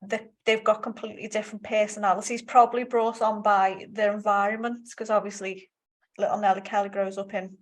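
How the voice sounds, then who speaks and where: A woman's voice: mid-range voice, level tone, brisk. A woman co-hosting a casual film discussion, rambling and restarting sentences as she gives her opinions. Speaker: podcast co-host.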